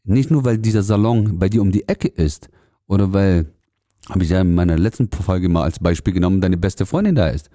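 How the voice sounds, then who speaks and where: A man's voice: low voice, fairly quick, warm tone, no room sound, clean studio sound. A man who runs a salon, speaking earnestly and directly to the listener in a motivational podcast monologue about letting go. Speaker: salon owner giving advice to hairdressers.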